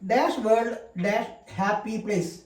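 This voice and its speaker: A man's voice: high voice, extremely slow. A male English grammar teacher giving a lesson, explaining step by step and repeating example words. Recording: roomy sound from a distant mic.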